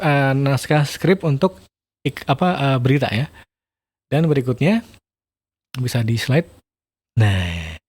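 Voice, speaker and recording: A man who works in voice-over, giving a casual explanatory talk, speaking quickly with frequent laughs and playing with his intonation. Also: mid-range voice. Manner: lively, laughs often, talks quickly; shifts intonation to demonstrate reading styles.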